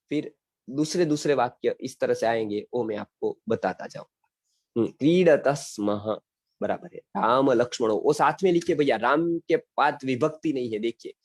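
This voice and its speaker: A man's voice: mid-range voice, a little mellow, dry recording. A middle-aged man from India teaching a grammar class on a video call, patiently repeating phrases and often checking that students understand. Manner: recites example sentences slowly and deliberately. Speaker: Sanskrit teacher. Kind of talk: online class explaining grammar in Hindi.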